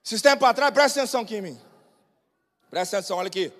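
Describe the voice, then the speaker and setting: Fiery high-voiced pastor preaching. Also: male voice, expressive, racing. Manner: fiery preaching that swings between shouted exhortation and quiet storytelling. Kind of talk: sermon. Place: large church hall. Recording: long church-hall reverb.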